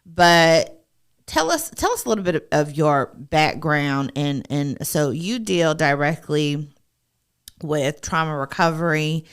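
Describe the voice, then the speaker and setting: A woman hosts a podcast interview, prompting her guest with warm affirmations and gentle questions. Her voice is very low for a woman and sounds smooth and clear. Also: animated, takes it slowly. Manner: encouraging, affirming. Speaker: podcast host.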